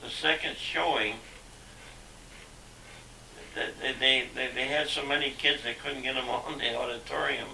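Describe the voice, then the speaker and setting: Older man on gravelly old VHS tape. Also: medium pitch, fairly even intonation, pushed and bright. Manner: halting, with many fillers and restarts. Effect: old VHS home video sound. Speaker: father being interviewed. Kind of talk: reminiscing home interview. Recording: echoey, distant, hissy VHS tape.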